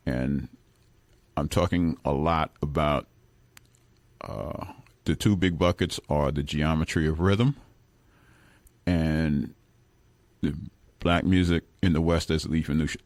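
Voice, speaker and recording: This very deep-voiced Brooklyn man, a guest musician, talks in a relaxed way on a radio interview, rambling and correcting himself, with an occasional chuckle. His tone is darkish. The studio recording is dry.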